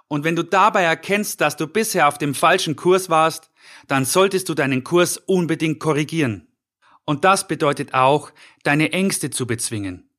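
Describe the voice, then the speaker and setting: A man's voice: fairly high pitch, a bit bright. A middle-aged man, a life coach and podcast host, giving a scripted motivational talk in an earnest, encouraging way, speaking directly to the listener.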